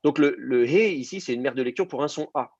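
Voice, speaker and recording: A man's voice: mid-range voice, brisk, a little mellow, breathy edge, no echo, muffled recording. A man teaching an online class, explaining patiently with many fillers and restarts. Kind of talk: online class on biblical Hebrew.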